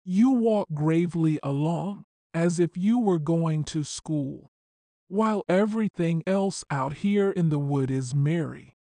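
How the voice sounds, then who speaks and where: A woman voicing a crafty, hungry wolf in a storybook, speaking in a low, coaxing manner. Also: unhurried, mellow, no room sound. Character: sly hungry male wolf, scheming.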